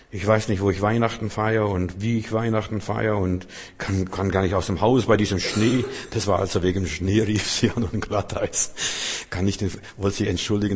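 A man preaching a sermon to his congregation, fervent, moving between soft, quiet passages and loud, emphatic appeals. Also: sits low, slightly rough. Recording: long hall reverb.

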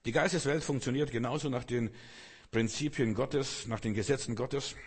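Brief: man pastor, husky, earnest and direct sermon delivery, long hall echo. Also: medium pitch, moderate pace. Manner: earnest, repetitive, addresses listeners directly.

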